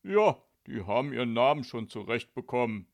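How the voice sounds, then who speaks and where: Lecturing husband, put on by a man narrator, gravelly, mid-pitched, self-satisfied. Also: big pitch swings, moderate pace. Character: know-it-all husband on holiday. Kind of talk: audiobook character voice.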